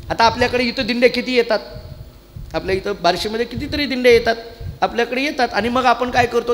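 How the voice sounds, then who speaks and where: A man giving a devotional storytelling discourse, animated and addressing the audience directly. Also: very high voice. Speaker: spiritual discourse speaker. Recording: long hall reverb.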